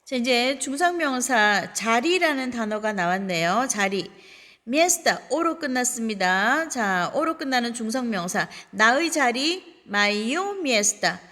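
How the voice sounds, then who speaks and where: Woman teacher, slow drilling, reverberant room. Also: fairly high pitch, sharp tone. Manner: slow, deliberate model pronunciation of words; repeats drills and asks rhetorical check questions. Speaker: Russian language teacher. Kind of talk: textbook review lesson.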